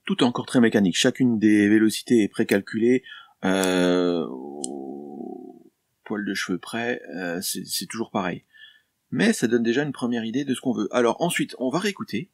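Low gravelly-voiced French man explaining. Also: moderate pace, no echo. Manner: chatty and explanatory, with frequent fillers and self-corrections; addresses the viewer informally, jokes lightly. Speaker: composer explaining his music software. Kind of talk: casual screen-share tutorial vlog. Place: home, during lockdown.

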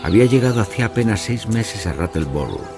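Over background music, an actor performs a pompous, confident male narrator of a mystery audio drama in a theatrical manner. His lowish voice is very animated and fast, its mood grave and knowing.

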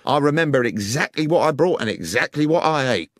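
Reader plays nervous, earnest railway guard, raised pitch, lively. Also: male voice, fairly quick, no room sound, clean studio sound, close to an everyday voice. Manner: earnest, deferential, defensive. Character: anxious working-class male railway guard.

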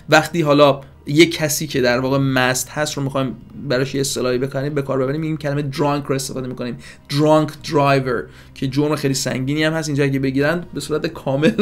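A man with a slightly high voice gives an informal English lesson, and his first language is Persian. He chats quickly to his viewers as friends and kids. He then slows to careful, deliberate English examples. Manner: switches between fast chatty explanation and slow, careful example sentences; addresses viewers warmly as friends and kids, with filler hesitations. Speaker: English teacher. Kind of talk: casual video lesson.

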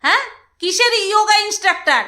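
A woman's voice: extremely high pitch, animated, fast, sharp tone. A woman vlogger giving casual, mocking and sarcastic commentary.

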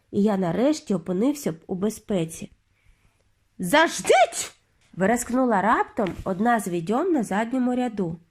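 A woman reading a children's bedtime story aloud, expressive and lively. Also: medium pitch, breathy edge. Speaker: audiobook reader.

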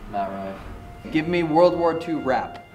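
A man's voice: on the high side, lively intonation, unhurried. Teasing man in a very echoey hall. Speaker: ghost-hunting vlogger. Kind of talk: casual banter. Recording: very echoey hall, distant, loud music behind.

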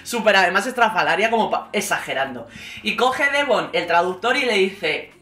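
A woman with a Spain Spanish accent, hosting a casual, gossipy recap vlog, sarcastic and expressive, swearing freely. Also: mid-range voice, moderate pace, roomy sound, soft background music. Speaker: YouTube host recapping a reality show.

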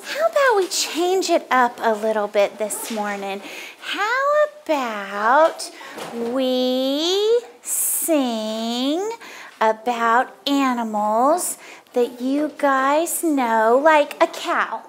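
Very high-pitched woman talking to toddlers, slow. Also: sing-song, slight background noise. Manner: sing-song, encouraging talk to toddlers. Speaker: children's library storytime leader. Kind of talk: leading songs and talk for young children. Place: indoor library children's room with windows.

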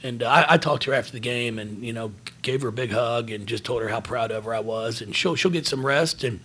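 A man in his forties, a basketball head coach, answering questions at a post-game press conference from behind a table microphone, earnest and halting, often restarting his words. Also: mid-range voice, sharp tone, husky. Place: press room in front of a team backdrop. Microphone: table microphone in front of him.

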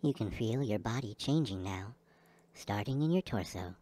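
A man guiding a listener through a slow, soothing hypnosis session. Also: lowish voice, expressive, mellow. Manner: slow, soothing, repetitive delivery. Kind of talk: guided hypnosis script.

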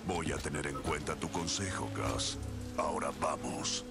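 A gruff soldier leading his squad, with a very deep, low voice. He barks short orders over the radio in a dubbed video game. Loud music plays behind him. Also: a little slow, exaggerated voice. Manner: terse military orders.

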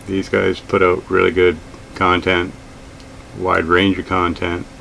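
A middle-aged man in a small gear-filled room, talking casually to camera about budget outdoor gear, relaxed and plain-spoken with frequent fillers. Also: low voice, unhurried, creaky, a little hiss or hum, low-quality recording. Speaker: outdoors vlogger.

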